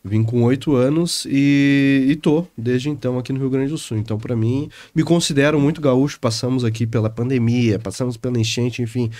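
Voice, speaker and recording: A man from Minas Gerais, a podcast guest chatting in a relaxed, emotional way. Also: mid-range voice, fairly quick, few pauses, no room sound. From Minas Gerais, Brazil. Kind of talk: casual conversation.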